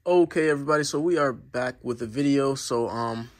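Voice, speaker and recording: A man's voice: medium pitch, fairly quick. A man talks casually to his camera at home, sharing puppy training advice. His voice is slightly stuffy from a cold, and he rambles, circling back with fillers and restarts as he goes. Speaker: dog vlogger. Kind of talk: casual vlog talk to camera.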